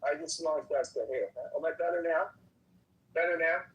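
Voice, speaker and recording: A man's voice: on the high side, a bit bright. Muffled man as if through a wall. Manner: halting, with many restarts. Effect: muffled, as if heard through a wall. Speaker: political commentator. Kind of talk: casual panel talk. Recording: distant, muffled mic with faint noise.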